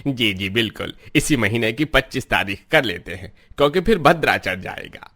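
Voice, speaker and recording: A man's voice: mid-range voice, expressive, normal speed, bright, forceful tone. A man playing a jovial priest matchmaker. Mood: reassuring. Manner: cheerful, reassuring. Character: jovial middle-aged male priest matchmaker.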